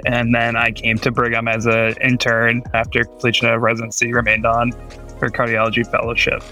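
A man, a cardiology fellow, presenting a medical case on a podcast in a measured, steady way. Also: medium pitch, soft background music. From United States.

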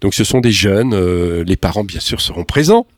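A man with a Parisian French accent giving an interview as an event organiser, speaking effusively in a halting, digressive way. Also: deep voice, animated, a crowd in the background. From Burgundy, France. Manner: effusive, digressive, halting delivery with repeated words. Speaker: concert organiser, interview guest. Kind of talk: conversational radio-style interview.

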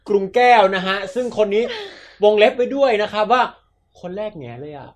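A man hosting a casual podcast. He explains ideas chattily and softens his phrases with polite particles. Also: sits high, lively intonation, fairly quick. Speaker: podcast host.

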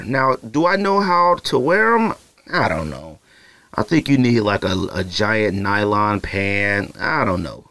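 A young man hosts a casual solo podcast, rambling with plenty of fillers and asides. His voice is lowish and fairly bright, with no room sound.

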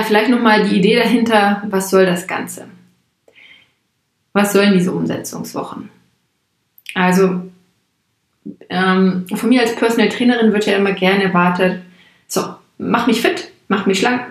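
A woman personal trainer giving motivational coaching talk, encouraging and repeating words for emphasis. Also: mid-range voice. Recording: echoey room.

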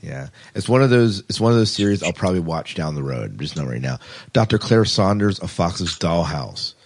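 A podcast host in casual discussion about TV sci-fi characters, this man has a low-pitched, gravelly voice with a sing-song lilt at normal speed. He often doubles back to repeat his phrases.

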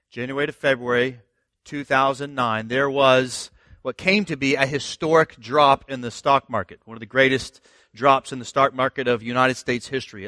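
A man's voice: medium pitch, bright, forceful tone, dry recording, studio quality. A middle-aged man, a pastor, telling his story earnestly in a sermon with fillers and restarts.

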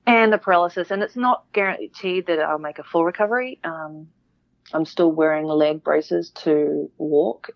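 A woman speaks in a low voice, reflective and unhurried, circling back through restarts and fillers. She is a guest on a casual interview podcast. The sound is dry and somewhat dull, like a lo-fi remote recording. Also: creaky, no echo.

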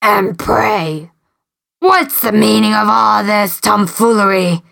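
A woman voicing a gruff, slow-talking male giant in a storybook reading, stretching out his words. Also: expressive, fairly bright tone, exaggerated voice. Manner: slow, booming, drawn-out words.

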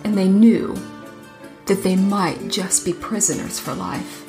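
A woman narrating a folk tale in a measured, expressive reading voice. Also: medium pitch, echoey room, music in the background. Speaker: storyteller. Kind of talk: storybook narration.

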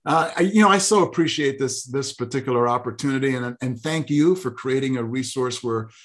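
Brief: Jamaican-accented male guest, earnest, mid-pitched, measured. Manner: earnest, repeats for emphasis. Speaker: guest speaker and author. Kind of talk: podcast interview.

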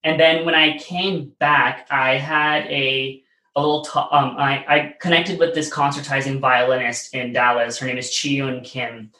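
Speaking with a flat delivery at a moderate pace, this American guest in his late twenties has a medium-pitched, sharp-toned voice. He rambles through casual stories in an interview, leaning on "like" and "you know." Echo from the room colors the sound.

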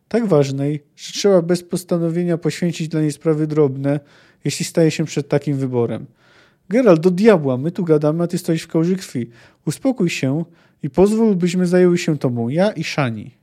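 A man reading the lines of a secretive, persuasive sorceress from a fantasy novel in an even, measured way. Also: fairly high pitch, lightly acted. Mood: firm. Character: cold, secretive sorceress woman, firm and persuasive.

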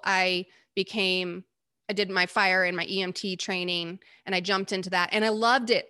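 Bright-voiced American woman telling her story. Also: mid-range voice. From United States. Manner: animated, acts out quoted voices. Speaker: interview guest. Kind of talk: personal storytelling in conversation.

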